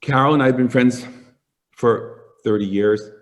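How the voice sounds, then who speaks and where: A middle-aged man, a hair stylist and formulator, talking in a sit-down interview and telling animated stories with acted-out quotes. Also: mid-range voice, normal speed, lo-fi sound. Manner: animated storyteller, acts out quoted voices.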